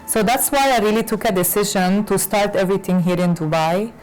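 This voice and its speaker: A woman fashion designer from Lebanon, raised in Latin America, answering interview questions with many pauses and fillers. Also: mid-range voice, darkish tone, faint music behind, poor audio. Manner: hesitant, many fillers and restarts. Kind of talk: conversational interview.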